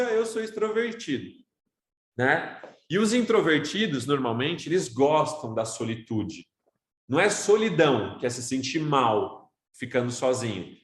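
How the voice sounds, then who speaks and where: A Brazilian man teaching an online course, lively and loud, constantly shifting his tone and pace as he lectures his students. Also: fairly high pitch, echoey room. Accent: Brazilian Portuguese. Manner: animated, talks loud, varies his tone constantly.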